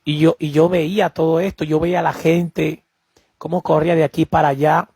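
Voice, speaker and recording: A man's voice: fairly high pitch, level tone, moderate pace, gravelly, a little mellow, breathy edge, no echo. A man giving a personal religious testimony to camera, emphatic and repetitive, often addressing the listener as beloved. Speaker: preacher sharing a vision.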